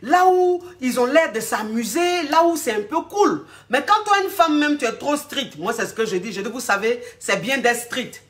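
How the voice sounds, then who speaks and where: A relationship coach gives advice in a casual live talk, addressing her viewers directly and familiarly and rambling as she hunts aloud for words. Her high voice is expressive and a bit bright, moving at a moderate pace with hardly any pauses.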